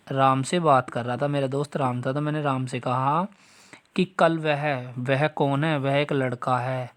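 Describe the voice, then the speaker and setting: A man with a slightly high voice teaches a Hindi grammar lesson for students preparing for exams. He goes through the example sentences one at a time and keeps addressing his listeners, asking whether they have understood. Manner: explains step by step, repeats example sentences; talks straight to students, asks if they follow. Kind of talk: exam-prep grammar lesson.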